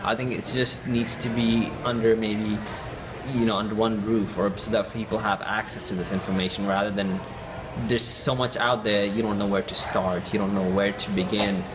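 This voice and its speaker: Relaxed low-voiced man from California. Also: moderate pace, background noise. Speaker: conference delegate. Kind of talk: interview answers. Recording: background music.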